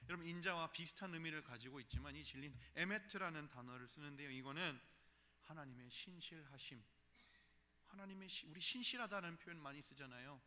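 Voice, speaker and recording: A man in his thirties preaching a sermon in a church, earnest, rising loud on key phrases and dropping soft in between. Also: a little high, brisk. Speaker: pastor. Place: church sanctuary. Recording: long reverb of a large hall.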